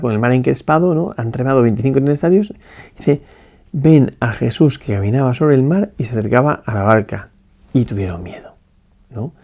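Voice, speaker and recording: A priest gives a slow, reflective meditation, as if thinking aloud. His voice is mellow and dark with a gravelly edge. He keeps checking in with a questioning tag and restarts his phrases as he goes. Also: medium pitch. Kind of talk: spoken meditation on a gospel passage.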